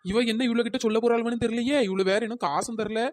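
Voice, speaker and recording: A woman's voice: on the high side, fairly even intonation, fast, darkish tone, lightly acted. A woman voicing a fed-up young snack stall keeper in a cartoon, scolding and complaining. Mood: chiding. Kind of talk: cartoon voice acting.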